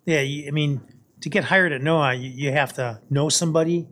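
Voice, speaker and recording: An older man, a guest on a podcast, recounting his time as a hurricane hunter pilot in a casual, halting way, often repeating words. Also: a little high, fairly even intonation, fairly bright tone. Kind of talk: casual storytelling.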